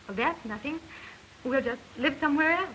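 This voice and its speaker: A woman's voice: high-pitched, moderate pace, fairly bright tone. An actress playing a cheerful, devoted young showgirl wife who reassures her husband, in an early talkie film. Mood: reassuring. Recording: scratchy 1920s film soundtrack.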